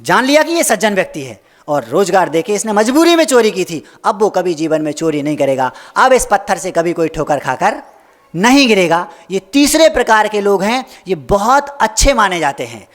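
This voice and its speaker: A man's voice: sits high, fairly bright tone, long reverb tail. A man, a Jain monk, preaching a sermon with stories, asking rhetorical questions and acting out quoted voices.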